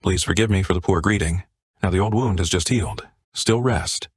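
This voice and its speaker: A man's voice: deep voice, normal speed, slightly rough, no room sound, clean studio sound. A man voicing a grateful old male martial sect master with formal, deferential speech.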